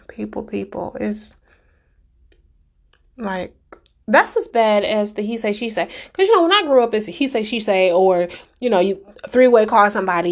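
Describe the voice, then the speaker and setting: Woman ranting emphatically to her viewers. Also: medium pitch. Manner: emphatic, exasperated, talks straight to viewers. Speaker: vlogger. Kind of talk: casual monologue rant.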